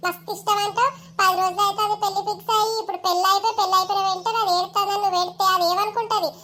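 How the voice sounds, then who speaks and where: A woman's voice: extremely high pitch, fairly even intonation, very fast, pushed and bright, a little hiss or hum. A woman voicing a bossy, scheming old grandmother in a cartoon, with a Telangana Telugu accent. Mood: mocking. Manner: scolding, domineering.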